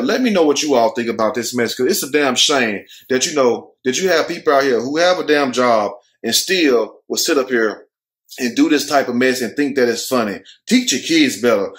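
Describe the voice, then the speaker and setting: An American man in his thirties, with a medium-pitched and fairly bright voice, hosts a show from a furnished room at home. His commentary is casual and opinionated, blunt, slangy and joking, with lots of swearing.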